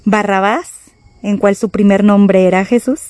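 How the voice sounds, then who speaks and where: A woman preacher delivers a sermon with dramatic emphasis, turning to her listeners with rhetorical questions. Her voice is warm and mellow. The recording is dry, with no room sound. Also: medium pitch, steady tone, unhurried, no room sound.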